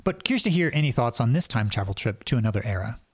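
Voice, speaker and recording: A male interviewer with a medium-pitched voice asks thoughtful, appreciative questions. The recording is dry and close. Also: very animated, quick pace, breathy edge, no echo.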